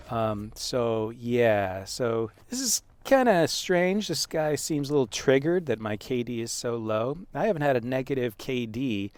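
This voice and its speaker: A man's voice: medium pitch, darkish tone. Amused man telling a gamer story. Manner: amused, chuckling, halting with frequent asides. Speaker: gaming video creator. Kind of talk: casual storytelling commentary, reading out messages.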